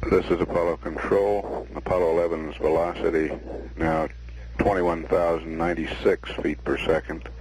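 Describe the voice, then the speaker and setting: Very deep-voiced male mission announcer, noisy. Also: fairly even intonation, a little mellow. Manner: measured, matter-of-fact delivery. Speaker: mission control public affairs announcer. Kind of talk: mission status commentary. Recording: noisy 1960s mission broadcast audio.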